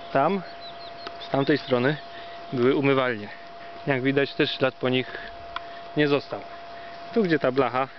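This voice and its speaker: Polish male, mid-pitched, wry mock-formal tour guide reminiscing casually; dull outdoor sound with clear background noise. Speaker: vlogger giving an on-site tour. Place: outdoors at a former campsite. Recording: dull lo-fi outdoor recording, loud ambient noise.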